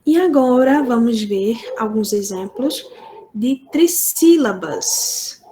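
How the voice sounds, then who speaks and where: A woman with a Brazilian Portuguese accent gives a lesson at an unhurried pace. Her voice sits a little high, and she explains each point deliberately, often pausing to check that students follow. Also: lively intonation, mellow, slight background noise. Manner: slow, deliberate explaining with frequent checks for understanding. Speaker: teacher. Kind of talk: online lesson explaining sign language phonology.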